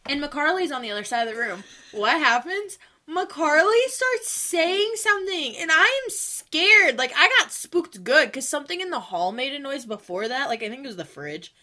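A young woman co-hosting a podcast, telling stories in casual chat, animated and full of likes. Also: sits high, moderate pace. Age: young adult. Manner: animated storytelling, many likes, laughs while talking. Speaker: podcast co-host.

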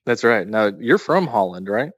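A man's voice: on the low side, very animated, moderate pace, fairly bright tone, breathy edge, no echo. A man co-hosting a podcast, chatting casually and telling long anecdotes. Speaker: podcast co-host.

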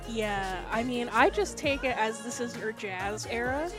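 Female host, fairly high register, informal podcast chat. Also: measured pace, over music. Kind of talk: casual chat.

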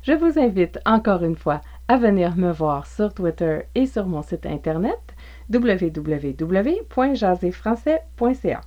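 Québécois woman teaching French, slow and lively in pitch, mellow voice, dull lo-fi sound. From Quebec. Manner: repeats example phrases slowly and clearly. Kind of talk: slow instructional lesson.

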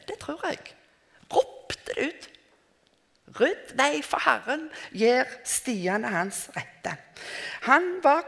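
Older lady preaching, chatty and thoughtful, voice swoops up and down, long echo in a hall. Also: mid-range voice. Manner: reflective, conversational preaching with hesitant restarts. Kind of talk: sermon. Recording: reverberant hall.

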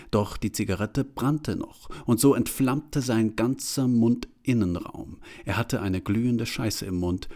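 A man narrating a literary audiobook in a calm, measured, dry way. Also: on the low side.

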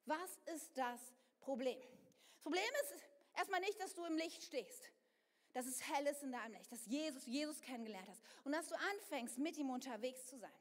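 A woman with a high voice preaches a sermon in a church hall, talking straight to her congregation and giving voice to the thoughts she describes. Her words ring out with a long reverb that trails off around the room. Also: moderate pace. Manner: expressive, acts out inner voices, addresses congregation directly.

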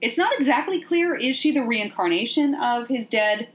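Woman podcast host, animated and joking, casual movie recap. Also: on the high side, normal speed.

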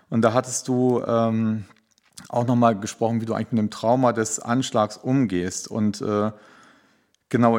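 A man hosting a podcast interview, introducing his guests in a hesitant way with many filler sounds. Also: medium pitch. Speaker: podcast host.

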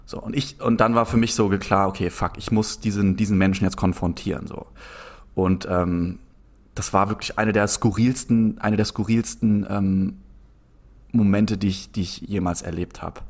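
Young man, low-pitched, casual rambling storyteller with lots of restarts and fillers. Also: normal speed. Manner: rambling, animated anecdote with frequent restarts and filler "so".

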